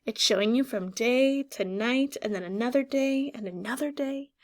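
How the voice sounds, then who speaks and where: Leading a picture-book read-aloud for little kids, a woman with a fairly high, darkish voice speaks like a teacher. She's expressive and clearly instructive, drawing out key words and asking questions with pauses so the children can think.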